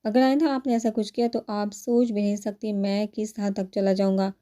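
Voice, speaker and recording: A furious young man delivers a stern, threatening warning to his mother, read by a woman. The voice stays dark and mellow throughout this storybook scene. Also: mid-range voice, flat delivery, close to an everyday voice. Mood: angry.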